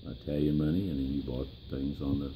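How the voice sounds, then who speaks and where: An elderly American man with a gravelly old voice, reminiscing in a plain-spoken, halting way in an interview. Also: a bass voice, little pitch movement, dark tone, slight background noise. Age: 70s or older. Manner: plain-spoken, halting, pausing mid-phrase. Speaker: interviewee, grandfather.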